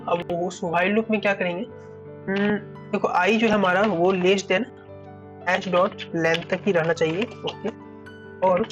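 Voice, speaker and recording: Heard through lo-fi audio, a coding tutor with a high-pitched voice explains a problem stepwise. He reasons aloud, often begins phrases again, and says "ठीक है" again and again.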